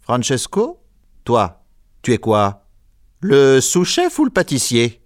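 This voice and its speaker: A man's voice: mid-range voice, huge pitch swings, slow pace, no room sound, clean studio sound. A man playing a stern head chef who gives orders to his kitchen brigade in a scripted textbook dialogue. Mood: firm. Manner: firm, commanding.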